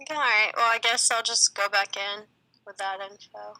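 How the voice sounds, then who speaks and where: A woman's voice: mid-range voice, steady tone, moderate pace, sharp tone, no echo, low-quality recording. A woman playing a tabletop game online, speaking casually and a bit hesitantly. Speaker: player.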